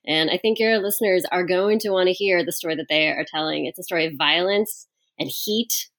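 A woman's voice: fairly low pitch, a little fast, a bit bright. A woman doing a mock-earnest field reporter. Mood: mock-dramatic. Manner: mock-dramatic news delivery.

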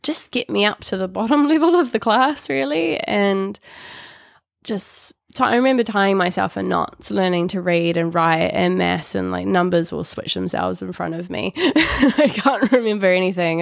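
A New woman talking as an interview guest, with a gravelly, creaky edge to her voice. She chats openly, laughing and restarting sentences, recorded dry and close. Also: lowish voice, dry recording. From New Zealand. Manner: chatty, laughs often, many ums and restarts. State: recovering from illness. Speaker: artist guest. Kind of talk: interview conversation.

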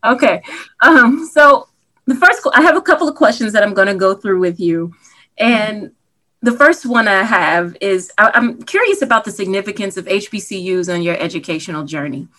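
A woman's voice: medium pitch, lively intonation, normal speed, bright, forceful tone. A woman hosting a podcast interview, chatty and playful, laughing often. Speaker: podcast host. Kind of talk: casual interview chat.

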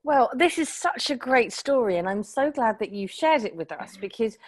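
Effusive higher-voiced woman podcast host. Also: animated, moderate pace. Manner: enthusiastic, effusive. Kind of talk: interview hosting.

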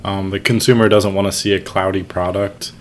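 A man with a fairly low voice in a casual group discussion. He explains in a measured manner, with faint noise in the background. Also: little pitch movement. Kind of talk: casual explanatory panel chat.

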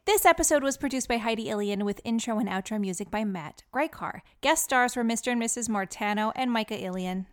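A woman narrating and hosting a children's story show in a gentle, encouraging way. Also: on the high side, a little fast, few pauses. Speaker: storyteller and host.

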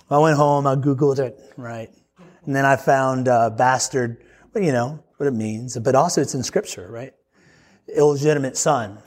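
A man preaching a sermon to young men in a casual, joking, conversational way. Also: fairly high pitch. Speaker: pastor.

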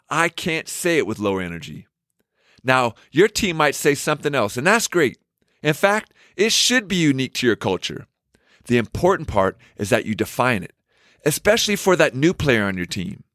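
Male basketball coach, animated and lively delivery, slightly higher voice, dry close sound. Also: no room sound. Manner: energetic, emphatic, shouts catchphrases. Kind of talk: motivational talk.

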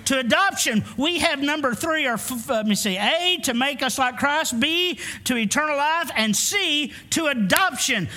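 This man's voice is very high-pitched, bright and pushed, expressive, moving at a moderate pace with few pauses, over slight background noise. He is a pastor in his 50s preaching emphatically in church, using call-and-response to draw answers from the congregation.

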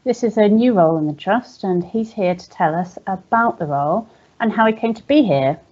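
A woman's voice: medium pitch, expressive, normal speed, highs cut off, noisy background. A woman hosting a podcast interview, asking friendly, encouraging questions. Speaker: podcast host.

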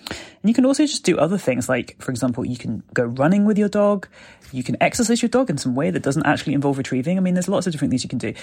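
A man's voice: on the high side, a little mellow. A British man hosting a casual solo podcast, chatting and explaining into a phone voice recorder like an unedited dictaphone recording. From Britain. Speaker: podcast host and gun dog trainer. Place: parents' house. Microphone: mobile phone voice recorder.

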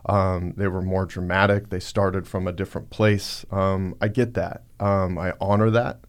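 Earnest low-voiced male podcast host. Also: level tone, moderate pace. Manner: earnest, many fillers and restarts. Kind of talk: casual podcast talk.

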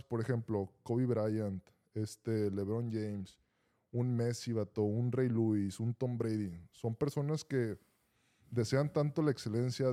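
Brief: Mexican man, co-host, animated storyteller, mid-pitched, casual slang. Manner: animated, slangy, says vato often. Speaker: podcast co-host.

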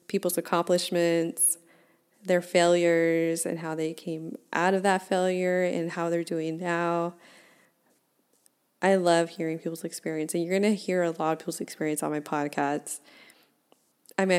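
A woman's voice: on the low side, a little mellow, clear, resonant tone. A woman in her twenties hosting her own podcast, talking candidly and chattily and laughing at herself. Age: 20s. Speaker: podcast host. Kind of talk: casual solo podcast talk.

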